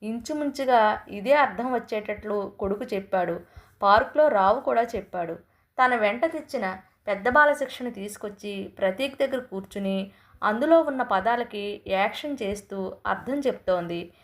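Woman reading a story aloud, measured. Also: medium pitch. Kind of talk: scripted narration of a short story.

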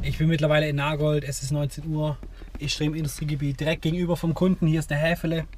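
A man with a fairly high voice talks casually from his truck cab, chatty and blunt and quick to swear. Heavy road and engine noise runs under everything he says. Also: flat delivery. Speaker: truck driver vlogger. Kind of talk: casual on-the-road video diary. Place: inside a truck cab and around depots.

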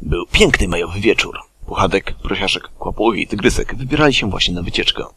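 Deadpan low-voiced male narrator. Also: brisk, slight background noise. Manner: deadpan, crude. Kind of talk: comic parody story narration.

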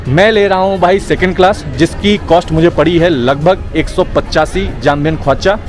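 A young Indian travel vlogger talks casually to his viewers, calling them brother, while holding the camera at arm's length at a busy railway station. His voice is high and moderately paced, with crowd noise and music in the background.

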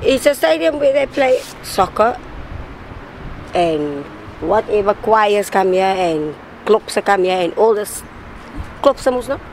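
A woman's voice: medium pitch, animated, slow, darkish tone, slight background noise, rough recording. Indignant Cape Town woman outdoors. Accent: Cape Town South African. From South Africa. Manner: blunt, indignant, complaining. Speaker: interviewee, local resident. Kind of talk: street interview. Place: outdoors by a stadium on a street.

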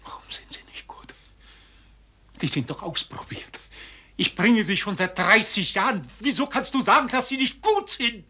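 An actor playing an older stand-up entertainer, animated in his jokes and bitter when he is hurt. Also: high-pitched, unhurried, long pauses, roomy sound, whispered, exaggerated voice. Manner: animated joke telling, then bitter and sharp. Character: aging entertainer, vain and touchy.

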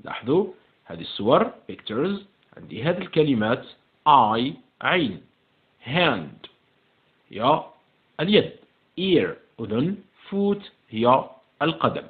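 An Algerian man walks middle school pupils through an English exam, spelling out each English line slowly before putting it into Arabic. His pitch swings widely from word to word. The recording is narrow and tinny, close to a phone line. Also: sing-song. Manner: reads English slowly, then translates into Arabic. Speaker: English teacher.

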